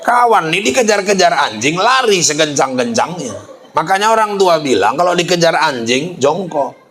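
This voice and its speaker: A man's voice: a little high, lively intonation, moderate pace, a bit bright, echoey room, a faint crowd, a little hiss or hum, poor audio. A man preaching a humorous sermon, telling folksy stories with playful comic voices. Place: school event hall.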